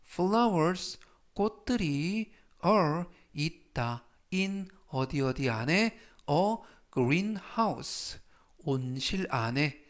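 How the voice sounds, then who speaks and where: A man with a Korean accent teaching English vocabulary, saying each word slowly and stretching it out to model its pronunciation. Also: on the high side. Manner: slow, careful delivery that stretches English words when modeling pronunciation. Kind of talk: scripted vocabulary lesson.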